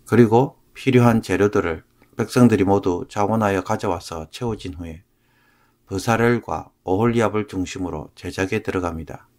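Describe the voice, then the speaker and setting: A man, a pastor, explaining a scripture passage in a measured sermon, phrase by phrase. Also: on the low side, a little mellow.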